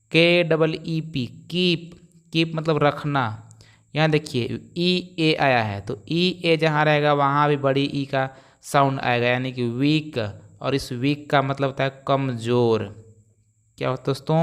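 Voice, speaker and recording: Clear-voiced male teacher. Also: mid-range voice. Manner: explains step by step, asks and answers his own questions. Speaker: English teacher. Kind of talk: spoken phonics lesson.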